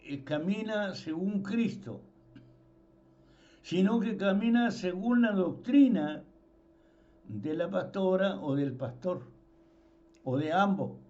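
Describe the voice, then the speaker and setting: In an informal sermon, a man whose voice sits high for a male speaks slowly, with lively intonation and a warm tone. He repeats words for emphasis, and the recording is dull and lo-fi.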